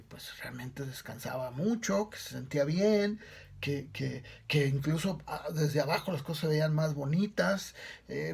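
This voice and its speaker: A man's voice: a little high, creaky, darkish tone, slightly rough. A male pastor preaching a sermon in a conversational storytelling manner, with frequent tag questions.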